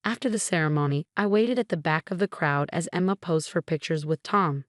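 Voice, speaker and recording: A woman narrating a first-person story in an even, measured way. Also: low-pitched, no echo, studio quality.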